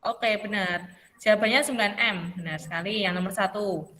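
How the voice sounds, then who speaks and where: A woman's voice: medium pitch, a little fast, bright, forceful tone, long reverb tail. A woman teaching a math class, patiently questioning students and calling them by name.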